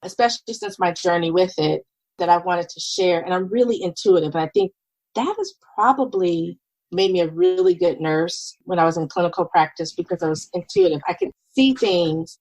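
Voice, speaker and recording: A woman in her fifties, a podcast guest, telling her story in a lively, animated way and acting out what people said. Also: fairly low pitch, normal speed, dry recording, rough recording. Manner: lively, animated, acts out quoted dialogue. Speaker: podcast guest, nurse and business owner. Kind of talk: casual conversational storytelling.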